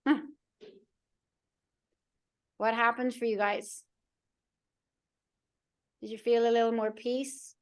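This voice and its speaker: A woman's voice: fairly high pitch, level tone, takes it slowly, pauses often. A woman coach leading a live online workshop in a soothing, encouraging way, checking in often with her listeners. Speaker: mind-body coach.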